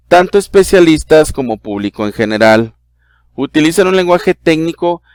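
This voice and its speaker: A man's voice: medium pitch, clean tone, no echo, studio quality. A male primary school teacher with a Mexican Spanish accent giving a recorded lesson, explaining patiently to a child with frequent "eh" fillers.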